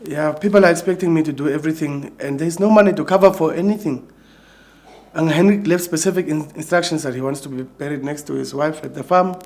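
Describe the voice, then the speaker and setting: A man's voice: fairly high pitch, fast talker, a little mellow, lightly acted. An actor playing a weary, exasperated man who is welcoming mourners after his uncle's death. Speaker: bereaved nephew hosting mourners.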